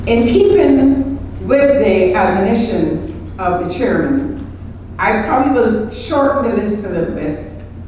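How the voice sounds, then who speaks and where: A Guyanese woman, a project director, gives a courteous formal address to dignitaries. Her pitch sits in a middle range. The recording is heavily echoey and distant, with faint room noise from the hotel function room. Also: darkish tone. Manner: formal, courteous, reading protocol list. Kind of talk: formal speech. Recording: echoey hall, distant mic.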